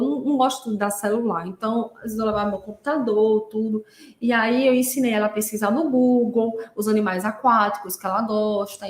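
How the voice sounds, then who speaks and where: Recorded in a roomy-sounding space, this woman has a mid-range voice. She's a therapist from Brazil hosting a podcast, chatting through stories in a casual monologue with many fillers such as "né."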